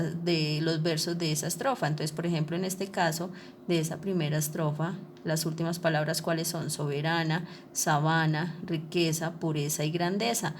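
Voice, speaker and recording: A woman's voice: on the low side, slight background noise. A woman teacher explaining a lesson over slides, patient and repetitive, checking often that her listeners follow. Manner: patient, repeats ¿listo? and ¿cierto? to check understanding.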